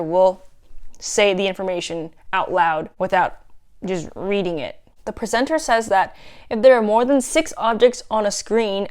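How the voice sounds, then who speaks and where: Playful young woman with a smooth voice. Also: medium pitch. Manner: playful, self-mocking, animated asides. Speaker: student giving a class video response. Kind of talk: casual video reflection.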